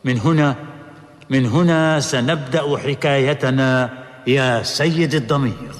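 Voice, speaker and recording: Earnest declamatory prosecutor, old radio broadcast, mid-pitched voice, echoing hall. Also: male voice, unhurried. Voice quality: formal, declamatory. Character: earnest male court prosecutor who tells the story. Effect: old radio drama broadcast. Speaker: prosecutor and narrator. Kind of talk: 1970s radio acting.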